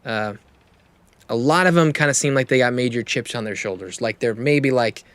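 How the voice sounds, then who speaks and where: A man runs a tabletop game, talking in a loose, relaxed way full of fillers. His pitch sits mid-range for a man. The recording is close and dry, with no room sound. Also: normal speed, smooth, no room sound. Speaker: game master.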